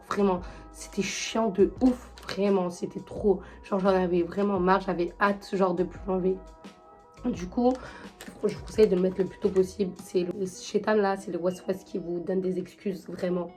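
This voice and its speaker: A young woman telling a personal story to her viewers in a chatty, animated way, full of slang and fillers, with a high voice. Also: moderate pace, faint music behind. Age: young adult. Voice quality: high-pitched. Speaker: vlogger. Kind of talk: casual storytelling to camera.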